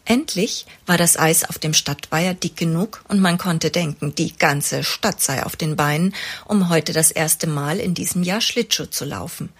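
Husky-voiced woman, expressive storybook reader. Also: sits low, normal speed. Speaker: children's author reading her story. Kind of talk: storybook read-aloud.

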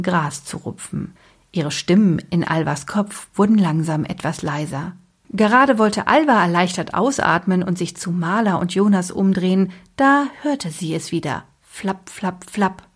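A woman with a breathy voice reading a children's book aloud expressively, dropping to a whisper at tense moments. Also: fairly low pitch. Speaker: storyteller.

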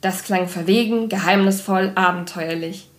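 A woman reading a children's book aloud in an expressive way. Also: medium pitch, normal speed. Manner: expressive, does character voices. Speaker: reader.

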